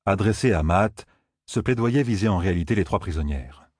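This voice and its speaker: A man narrating an audiobook in a measured storytelling manner. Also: low voice, animated, darkish tone, breathy edge, dry recording, studio quality. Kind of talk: scripted narration.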